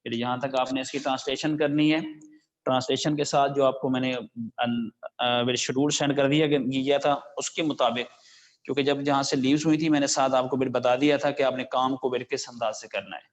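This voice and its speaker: A man with a Pakistani accent, teaching an English lesson. He reads the English lines slowly, then explains each one in Urdu with plenty of fillers. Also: medium pitch, level tone. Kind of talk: line-by-line lesson translating a story into Urdu. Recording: dull lo-fi recording.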